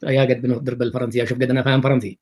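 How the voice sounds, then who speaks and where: Fast-talking mocking male commentator. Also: mid-range voice. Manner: mocking, repetitive, animated. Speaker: commentator reacting to TV clips. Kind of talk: sarcastic reaction commentary.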